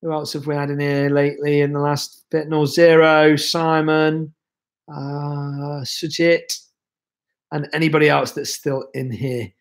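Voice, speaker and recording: A young man with a voice on the high side hosts a casual livestream at a slightly slow pace. Relaxed and rambling, he chats with plenty of fillers and reads out viewer comments, sounding a touch worn from illness.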